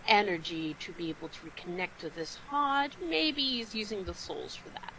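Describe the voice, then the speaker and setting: A woman playing a tabletop game over a call, animated, often laughing and slipping into character. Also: mid-range voice, moderate pace, slight background noise, low-quality recording. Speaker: player.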